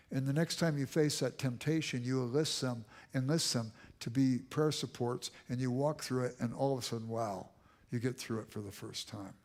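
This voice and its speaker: In a church auditorium, a male guest speaker lectures and answers questions from the audience. He has a medium-pitched, slightly mellow voice. His cadence is emphatic and repeating, occasionally falling to a near whisper.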